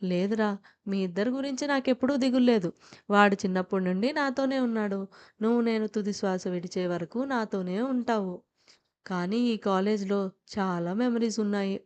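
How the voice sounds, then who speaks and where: A woman voicing a quiet, wistful young male college student who speaks softly and reflectively. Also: medium pitch, fairly quick, close to an everyday voice.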